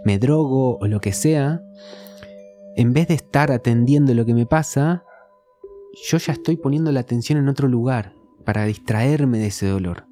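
Argentine man, podcast host, reflective explainer, mellow tone, faint music underneath. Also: mid-range voice, normal speed. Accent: Rioplatense Spanish. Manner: reflective, explains with everyday examples. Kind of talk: casual conversation.

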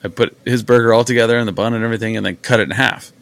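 A man's voice: medium pitch, steady tone, very fast, gravelly, a bit bright, no echo. A young man hosting a podcast, telling a rambling, chatty story in a casual way with lots of fillers. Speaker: podcast host. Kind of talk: casual chat.

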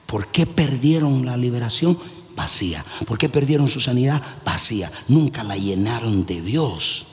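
A man preaching a fervent sermon, often shouting, then dropping low and quiet. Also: animated, moderate pace, slight background noise. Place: large church hall. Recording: echoey hall with music behind.

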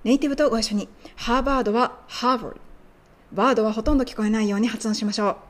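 A woman whose native language is Japanese, hosting an English lesson podcast, explaining and slowly modeling English phrases. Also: on the high side. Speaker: English teacher.

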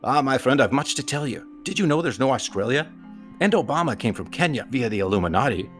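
A man voicing a secretive male crow who spouts conspiracy theories in a hushed, confiding voice. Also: fairly low pitch, lively intonation, normal speed, soft background music.

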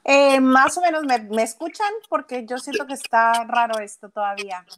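A woman's voice: fairly high pitch, moderate pace, a bit bright. A woman co-host joining remotely, her voice faint and far off as it breaks through a glitchy, static-filled connection while she apologizes and tries to fix it. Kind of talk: live stream chat.

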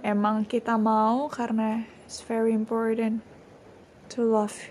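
A young woman hosting a casual solo podcast, talking in a gentle, reassuring way and slipping English phrases into her speech. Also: fairly high pitch, completely flat delivery, unhurried, a little hiss or hum. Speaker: podcast host.

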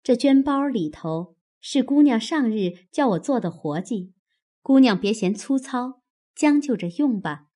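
A woman voicing a steady, motherly senior maid who gives calm instructions. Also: a little high, measured pace. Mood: composed.

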